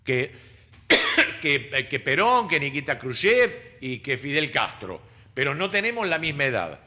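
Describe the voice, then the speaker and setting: A man's voice: mid-range voice, very animated, measured pace, pushed and bright. An Argentine man in his sixties, a radio host and speech teacher, explaining word usage in a didactic way. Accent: Argentine Spanish. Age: 60s. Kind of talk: casual radio chat.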